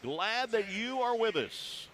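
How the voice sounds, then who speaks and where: Man, basketball play-by-play announcer, slightly high-pitched, middle-aged, folksy conversational delivery. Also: very animated, slow, fairly bright tone, low-quality recording. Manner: folksy, conversational, frequent "uh" fillers. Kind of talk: live basketball commentary.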